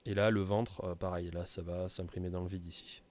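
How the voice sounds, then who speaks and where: A man walks through software settings in a casual tutorial, with many hesitations and fillers. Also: deep voice, flat delivery, fairly quick. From France. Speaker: tutorial presenter. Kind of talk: screen-recorded software tutorial.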